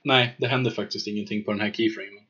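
A man running a tabletop game as game master, narrating scenes in a relaxed way with many filler words. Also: fairly low pitch, slightly rough. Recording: dull lo-fi mic.

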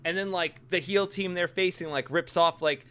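A man's voice: high-pitched, moderate pace, a bit bright, clean tone. A man co-hosting a comedy podcast, rambling and joking, laughing often and swearing casually. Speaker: podcast co-host.

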